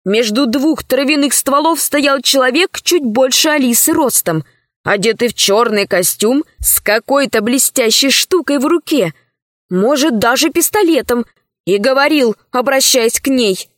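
Calm woman reading a storybook. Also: sits high, dry recording, clean studio sound. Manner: calm, unhurried, clear reading. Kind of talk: scripted narration of a children's adventure book.

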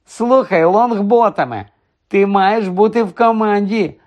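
A spoiled schoolboy bully sneers and drawls his taunts, as a man puts him on in an audiobook. The voice sits noticeably higher than an ordinary man's and stretches the words out slowly, with a mocking edge. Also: a little mellow, lo-fi sound. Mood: taunting. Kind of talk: audiobook character voice.

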